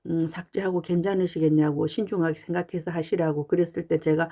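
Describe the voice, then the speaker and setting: A woman fan channel YouTuber talking casually and earnestly to her viewers, pausing often with "uh". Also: fairly low pitch, flat delivery, creaky, mellow. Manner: chatty and earnest, with frequent "uh" pauses. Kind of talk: casual talking-head monologue.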